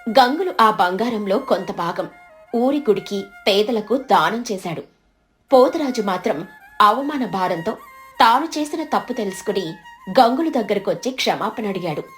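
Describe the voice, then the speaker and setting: A woman narrating an animated moral storybook in a steady, scripted storytelling voice. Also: mid-range voice, moderate pace, faint music behind.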